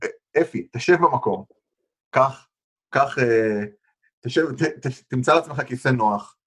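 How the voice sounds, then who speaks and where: A man's voice: mid-range voice, fairly bright tone, husky. A man in casual chat who keeps teasing and prodding his co-host.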